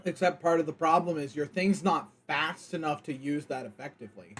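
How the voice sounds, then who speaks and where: Husky young man rambling on a stream. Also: fairly high pitch, fairly quick. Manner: rambling, thinks aloud with frequent fillers. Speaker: gaming streamer reviewing viewer creations. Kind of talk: casual livestream chat.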